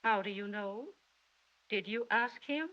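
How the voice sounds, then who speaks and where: A middle-aged actress playing a gentle, protective mother who speaks in a soothing, motherly way, on a dull 1930s film soundtrack. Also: medium pitch, unhurried, natural voice. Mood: tender.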